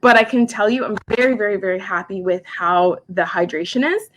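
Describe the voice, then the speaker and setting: A woman's voice: mid-range voice, a little hiss or hum. A woman in her forties, a makeup artist and skincare specialist, chatting casually on a live stream from home and filling her talk with "like". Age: 40s. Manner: chatty, heavy use of "like", quick asides. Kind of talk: casual live product chat.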